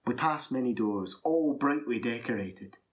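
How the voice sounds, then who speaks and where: A man telling a fairy tale in the first person, his voice sitting at an ordinary middle pitch. He narrates with lively, animated wonder, swinging up high when the story excites him. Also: measured pace.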